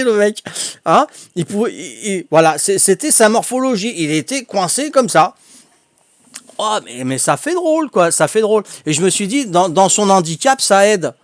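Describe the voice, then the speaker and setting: A man's voice: high voice, dry recording, studio quality. An older man from Corsica, a streamer telling casual anecdotes in a chatty way, laughing often and filling his talk with repeats.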